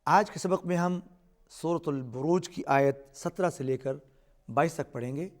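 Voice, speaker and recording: A man hosting a Quran recitation lesson. He recites verses slowly and drawn out, then explains the pronunciation rules quickly. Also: fairly high pitch. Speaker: Quran teacher and host.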